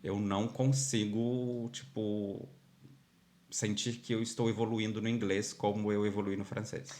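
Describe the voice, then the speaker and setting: Unhurried and fairly low in pitch, this man from Minas Gerais speaks with a Brazilian Portuguese accent as a guest on a podcast. He tells stories with animation in a casual interview chat, using many fillers such as "tipo" and "sabe."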